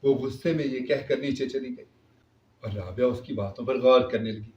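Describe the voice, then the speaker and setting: A man telling a moral story in steady scripted narration. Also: medium pitch. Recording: roomy, distant, dull recording.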